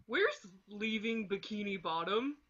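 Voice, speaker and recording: A woman's voice: mid-range voice, expressive, unhurried, fairly bright tone. A woman voicing Patrick, a dim, childlike, whiny male starfish in a cartoon table read, on a lo-fi microphone. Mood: puzzled. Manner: whiny, simple-minded.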